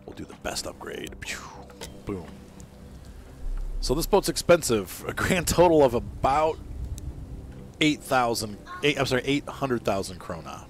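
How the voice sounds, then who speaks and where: A man's voice: medium pitch, big pitch swings, a little slow, pauses often, soft background music. A man reviewing a fishing game as he plays, talking casually, often correcting himself mid-sentence and apologizing. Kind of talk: casual gameplay commentary.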